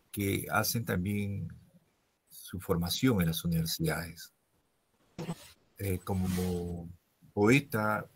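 A man hosting a reading event, introducing the next guest in a halting way with many fillers. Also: low voice, gravelly, a bit bright, slightly rough. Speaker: host.

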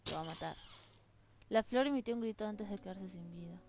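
A woman's voice: mid-range voice, brisk, noisy background. A woman playing a game, reading its lines aloud in silly voices and chatting playfully to its characters. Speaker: let's play gamer. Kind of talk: let's play commentary reading game text aloud. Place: home room with dogs nearby.

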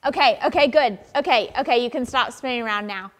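Talking fast in a high, bright voice, a young woman pastor gives a children's sermon, animated and friendly with plenty of simple questions and encouragement. The sound suggests a church sanctuary, captured by a far-off camera across the room.

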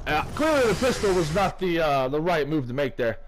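A foul-mouthed, excitable man giving casual gameplay commentary as he plays. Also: fairly high pitch, a little fast. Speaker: gaming video creator. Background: game music.

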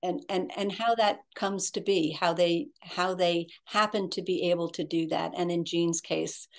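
A woman hosting an interview show over a video call, speaking in a measured, appreciative way. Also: on the low side, fairly even intonation. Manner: measured and appreciative, many fillers. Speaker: host.

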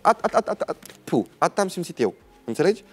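Animated young man telling a story. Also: high voice. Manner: animated, dramatic storyteller, acts out other people's lines. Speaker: talk show guest. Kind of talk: personal storytelling in a TV interview.

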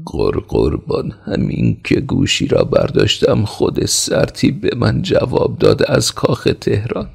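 A man's voice: sits low, creaky, a little mellow, husky, pitched above the performer's own voice, heavily acted. A man voicing a terrified palace telephone chief who stammers, trembles and grovels before his king. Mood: stammering.

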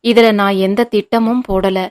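A woman's voice: medium pitch, fairly even intonation, moderate pace, darkish tone, close to an everyday voice. A woman voicing a scheming young daughter-in-law who pleads with feigned innocence, in an audiobook reading. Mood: pleading.

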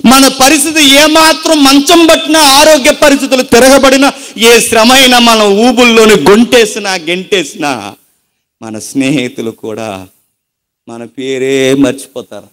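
A man's voice: very high voice, a little slow, fairly bright tone. A man preaching a sermon with emphasis, acting out the people he quotes.

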